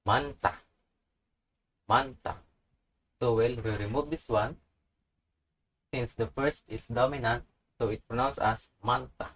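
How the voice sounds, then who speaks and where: A man's voice: mid-range voice, measured pace, long pauses, a little hiss or hum, poor audio. A man teaching a language lesson, patiently repeating each example word. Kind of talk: slow instructional tutorial.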